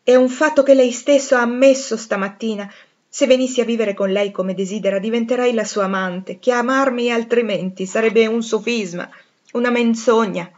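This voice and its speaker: A woman's voice: on the high side, normal speed, a little mellow, dull audio, close to an everyday voice. A woman voicing a firm, principled young governess in an audiobook reading, restrained and earnest.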